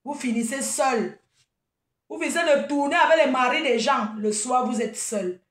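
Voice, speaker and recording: A woman's voice: high-pitched, moderate pace, far from the mic. A woman talking straight to her audience in an unscripted live video, scolding her critics and then chatting and laughing with them. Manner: chatty and laughing, calls listeners "maman". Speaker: event planner and vendor. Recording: echoey room, voice off-mic.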